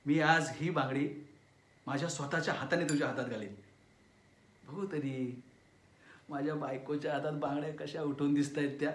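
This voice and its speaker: A man's voice: high voice, big pitch swings, measured pace, long pauses, sharp tone, full character voice. A man acting a controlling husband who coaxes in a falsely tender voice and turns to threats, in a dramatic audition monologue. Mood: falsely sweet. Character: controlling, menacing husband with a sweet-talking cruelty. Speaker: auditioning actor. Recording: roomy echo.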